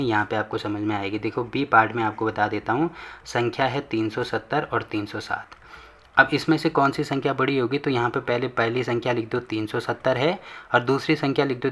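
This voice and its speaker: A man teaches a maths lesson in a bright, forceful voice. He explains each step patiently and repeats points often, asking questions and answering them himself. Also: mid-range voice. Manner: patient, repetitive, asks and answers own questions.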